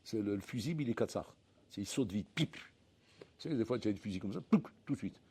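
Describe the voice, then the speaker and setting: Man, rabbi, Torah class, husky voice, dark tone, theatrical, acts out dialogues. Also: fairly low pitch, fast. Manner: animated, acts out dialogues, frequent restarts. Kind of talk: lively spoken Torah lesson.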